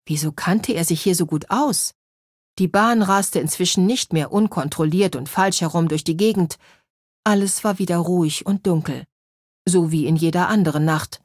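A woman narrating a children's story in a clear, measured way. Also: on the low side, darkish tone, no room sound, clean studio sound.

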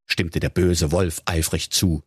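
Husky, playful male storyteller. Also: deep voice, flat delivery, takes it slowly, no echo, studio quality. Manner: playful, theatrical. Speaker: narrator. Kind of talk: comic fairy-tale storytelling.

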